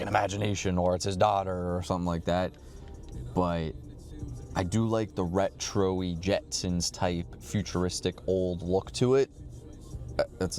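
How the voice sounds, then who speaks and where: A man's voice: low-pitched, a little mellow. A man chatting casually in a rambling, slangy, profane way with a laid-back stoner drawl. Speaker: vlogger.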